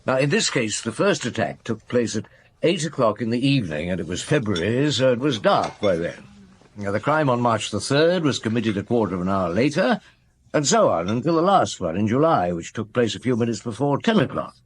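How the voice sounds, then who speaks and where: A middle-aged chief inspector in a radio drama. His voice is husky and mid-pitched, with plenty of rise and fall. He reasons aloud in a thoughtful, deliberate manner. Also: big pitch swings. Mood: methodical, explanatory. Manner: measured, deliberate, explanatory. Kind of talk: naturalistic radio drama acting.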